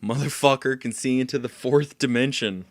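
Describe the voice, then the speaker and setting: A man's voice: medium pitch, moderate pace, no room sound. A man commenting casually on a stealth game as he plays, swearing and laughing at his own failures. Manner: frustrated outbursts, swearing, laughing at himself. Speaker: gameplay streamer.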